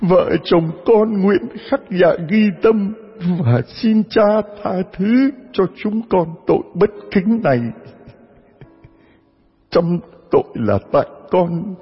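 A man's voice: sits high, breathy edge, long reverb tail, muffled recording, pitched above the performer's own voice, full character voice. A man voicing a repentant wife pleading in tears with her father-in-law in a told folk tale. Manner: tearful, solemn pleading.

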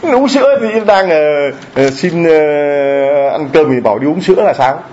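Lively joking preacher, lo-fi church recording. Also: male voice, on the high side, a little slow. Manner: lively, joking, asks the congregation questions. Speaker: priest. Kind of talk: sermon.

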